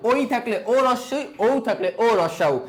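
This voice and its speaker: High-voiced young tutor. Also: male voice, expressive, moderate pace. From Bangladesh. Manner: asks and answers his own questions, repeating rules; sprinkles English fillers like "okay" and "so". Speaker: exam prep tutor. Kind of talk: online exam-prep class.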